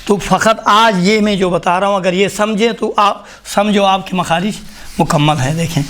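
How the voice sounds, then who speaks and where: High-voiced man teaching recitation patiently. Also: noisy background. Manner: patient, questioning, often says "look". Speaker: tajweed teacher. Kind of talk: classroom lesson.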